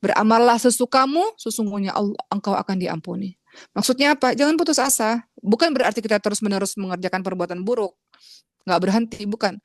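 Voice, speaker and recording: Fast-talking woman preaching earnestly. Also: no echo, clean studio sound. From Indonesia. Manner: earnest, acts out pleading prayers with rising pitch; addresses listeners as friends, refers to herself as Uma. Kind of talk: religious lecture.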